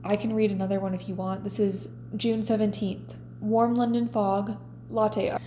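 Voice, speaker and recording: Twenty-something girl vlogging, mellow and chatty, kinda echoey room. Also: medium pitch, normal speed, slight background noise. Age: 20s. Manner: relaxed, chatty and confessional, reading her diary entries aloud. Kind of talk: casual chat.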